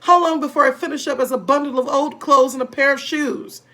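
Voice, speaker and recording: A woman voicing a gullible, panicky old wife from a children's storybook in a high, wailing, dramatic voice. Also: fairly even intonation, sharp tone. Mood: frightened despair. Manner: alarmed, dramatic, drawn-out. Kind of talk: children's storybook read-aloud.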